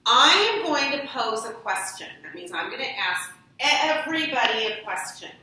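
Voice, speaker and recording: A woman's voice: on the high side, big pitch swings, normal speed, sharp tone. A woman teacher giving patient classroom instructions, prompting her pupils with questions. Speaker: elementary school teacher. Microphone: distant room mic. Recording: echoey classroom from far off.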